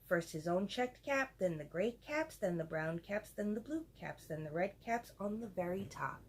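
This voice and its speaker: A woman's voice: medium pitch, expressive, moderate pace, slightly rough. A woman reading a picture book aloud to children and adding chatty asides to her listeners. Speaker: storyteller for children.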